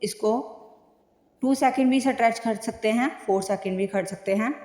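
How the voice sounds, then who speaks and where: A woman teaching Quran recitation word by word. She draws each word out slowly and then explains it in plain speech. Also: a little high, a little mellow. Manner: slow drawn-out recitation between plain explanations. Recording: echoey room with long reverb.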